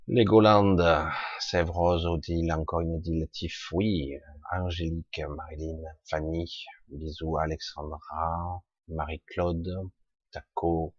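Deep husky-voiced man chatting live. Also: no room sound, muffled recording. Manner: chatty, reads out viewers' names, frequent hesitations. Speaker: live stream host. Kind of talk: casual live stream chat with viewers.

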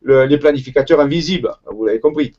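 A man with a warm southern French Marseille accent talks through an interview in a fairly high voice. He hesitates often, circling back and restarting his sentences. The recording sounds dull and lo-fi. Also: quick pace. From Marseille, southern France. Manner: hesitant, many fillers and restarts. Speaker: guest researcher. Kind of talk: conversational interview.

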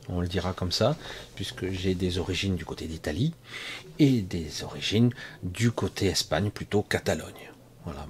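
A man from France giving a rambling, conversational monologue about energy healing, full of asides and restarts, speaking straight to his listeners. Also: sits low. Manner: addresses listeners directly, conversational. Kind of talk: casual spoken monologue.

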